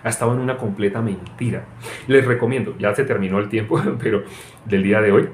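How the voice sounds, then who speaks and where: A man's voice: fairly low pitch, fairly quick. Man preaching in an echoey room. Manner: animated, rhetorical questions, mimics believers' prayers. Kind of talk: Bible teaching sermon. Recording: echoey room with faint ambient noise.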